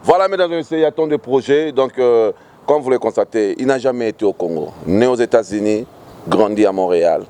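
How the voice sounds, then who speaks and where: A man's voice: mid-range voice, lively intonation, brisk, warm tone, slight background noise. A man hosting a street interview outdoors, playful and speaking straight to the audience. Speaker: show host.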